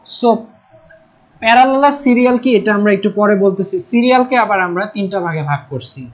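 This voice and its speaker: A young man with a Bangladeshi Bengali accent teaches a live online class, his voice pitched high and a little quick over lo-fi audio. He is patient and often checks in with "ঠিক আছে?" to see if students follow. He stresses spelling and pronunciation, repeating the key terms.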